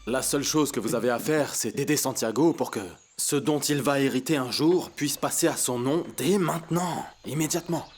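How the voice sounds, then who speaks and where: A man's voice: mid-range voice, moderate pace, soft background music, lightly acted. An actor dubbing a scheming man who persuades someone to take over land, wheedling and persuasive. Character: man, smooth-talking and scheming go-between. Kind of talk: dubbed telenovela acting.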